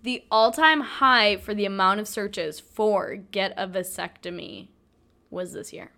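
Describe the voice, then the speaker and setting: A woman's voice: medium pitch, measured pace, vocal fry, sharp tone. A woman co-hosting a casual podcast, chatting and reading out news headlines with lots of "like". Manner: chatty, reads out headlines with filler "like". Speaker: podcast co-host.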